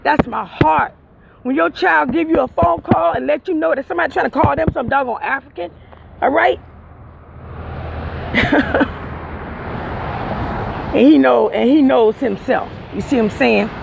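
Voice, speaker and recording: A man's voice: extremely high pitch, measured pace, creaky, long pauses, noisy background. A man talking emphatically and repetitively to his viewers outdoors, speaking from the heart. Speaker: vlogger. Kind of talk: casual heartfelt monologue to viewers.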